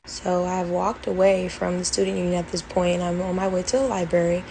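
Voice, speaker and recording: A woman's voice: fairly low pitch, flat delivery, fairly quick, vocal fry, mellow, a little hiss or hum, low-quality recording. A young woman earnestly recounting her college experience in a storytime vlog, detailed and full of fillers. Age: young adult. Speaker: former college band member telling her story.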